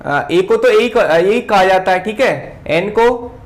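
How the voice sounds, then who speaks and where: Slow-paced man teaching at a board. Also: sits high, lively intonation. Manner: slow, repeats words while writing, often says "ठीक है". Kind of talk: whiteboard grammar lesson.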